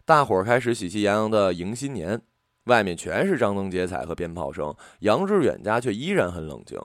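A man narrating a ghost story in an expressive storytelling delivery. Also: fairly low pitch, a little fast, no room sound, clean studio sound. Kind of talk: audiobook storytelling.

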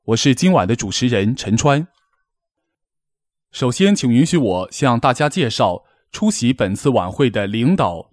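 A man's voice: medium pitch, dry recording, clean studio sound. A man hosting a formal gala, delivering a scripted, poetic address in a solemn, declamatory manner. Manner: declamatory, solemn, measured phrasing. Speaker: gala host, master of ceremonies.

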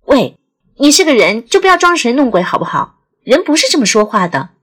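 A woman's voice: a little high, sing-song, unhurried, slightly rough, heavily acted. A woman voicing an impatient young woman who pleads and scolds a strange caller. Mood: exasperated. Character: exasperated young woman Xiaowan.

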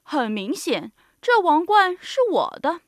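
A woman's voice: high-pitched, sing-song, slow pace, no room sound, clean studio sound, full character voice. A woman voicing a boastful, crafty male lion in a storybook reading.

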